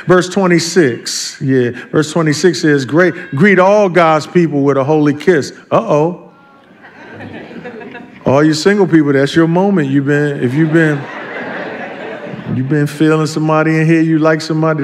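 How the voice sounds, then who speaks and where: A man pastor preaching a sermon, leading the congregation in call-and-response and breaking into joking asides. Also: mid-range voice.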